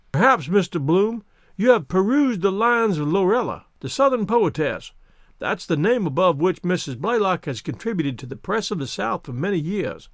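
A gallant old colonel speaks in ornate, flowery, formal sentences, as a man acts him out. His tone moves lively up and down. The recording is close and dry. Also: high voice, no room sound. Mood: courtly.

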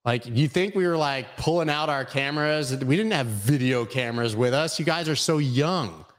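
A man's voice: mid-range voice, normal speed. A man in his forties hosting a casual crypto show, rambling and joking as he reads chat comments aloud. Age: 40s. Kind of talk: casual live-stream chat.

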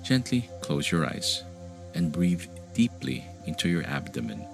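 A man guiding a meditation in a slow, soothing sleep-story style, with gentle, unhurried and calming instruction. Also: low-pitched, gravelly. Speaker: meditation podcast host and guide. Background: music behind the voice.

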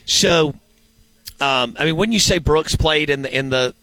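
A man's voice: fairly high pitch, unhurried, bright, forceful tone, no echo. A man hosting a sports show, chatting casually and rambling as he thinks aloud and asks himself questions. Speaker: sports radio show host.

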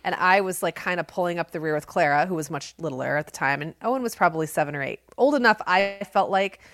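A fairly bright, low-leaning voice comes through quickly in a dry, clean studio recording. The speaker is a middle-aged woman co-hosting a conversational podcast, sharing candid, self-deprecating stories with a big voice that projects.

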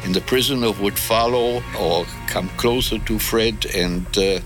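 Elderly man, low voice, very slow unhurried telling, faint music underneath. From Germany. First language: German. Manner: slow and measured, with hesitant "uh" pauses. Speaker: war veteran interviewee. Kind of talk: recounting memories in an interview.

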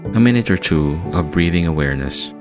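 Man, very low voice, soft spa-style meditation narration, slow and hushed, long pauses, New-age music behind. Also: animated. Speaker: guided meditation host.

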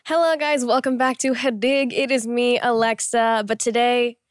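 A woman's voice: a little high, level tone, moderate pace, clean tone, dry recording, studio quality. A woman hosting a podcast, chatting in a bubbly, upbeat way with her guests. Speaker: podcast host. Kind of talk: casual chat.

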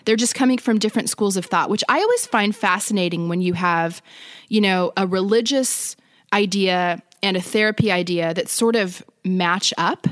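A woman's voice: mid-range voice, normal speed, fairly bright tone, no echo. A woman hosting a podcast, explaining things in casual, conversational talk on a close microphone. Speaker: podcast host, former therapist.

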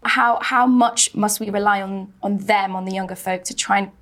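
Young female host from Afghanistan, mid-pitched voice, curious, direct interviewer. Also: steady tone, normal speed, a bit bright. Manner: inquisitive, informal, direct questioning. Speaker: podcast host. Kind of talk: interview hosting.

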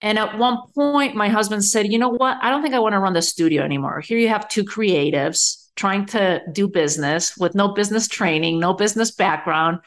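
A woman's voice: mid-range voice, a little fast, hardly any pauses. A middle-aged woman from Spain, a guest telling her story in a casual interview. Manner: conversational, many fillers. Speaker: podcast guest, entrepreneur.

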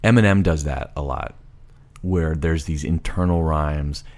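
A man with a very low voice steers a casual chat about songwriting. He asks questions and prompts the others. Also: a little slow, a little mellow. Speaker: podcast co-host.

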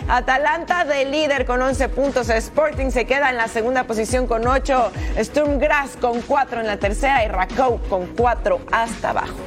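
High-voiced woman presenting football highlights. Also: moderate pace, few pauses. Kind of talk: football highlights narration over match clips. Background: background music.

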